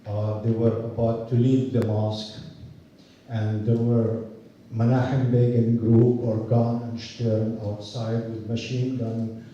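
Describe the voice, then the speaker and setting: An older man from Palestine, a university professor, giving an earnest, measured rally speech outdoors. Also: medium pitch, level tone, warm tone, very echoey, recorded from a distance, lo-fi sound, slight background noise. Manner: earnest, measured storytelling with restarts.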